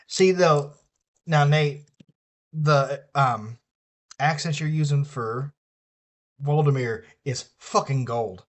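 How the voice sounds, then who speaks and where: A man's voice: on the high side, takes it slowly, pauses often. A man with a Southern US accent chatting casually and swearing freely while he builds an electronics kit on a live stream.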